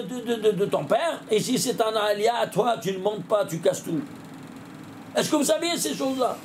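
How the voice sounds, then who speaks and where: A man, a rabbi, giving a lively Torah lesson, keeps quizzing his audience and now and then bursts into a shout. His voice sits high for a man and has a gravelly edge. Faint noise hums behind him.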